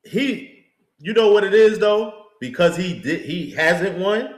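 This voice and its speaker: A man's voice: high voice, animated, slow pace. A man co-hosting a live sports talk show, chatting in a laid-back, slangy way as a fan. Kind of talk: casual live sports chat. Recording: roomy echo.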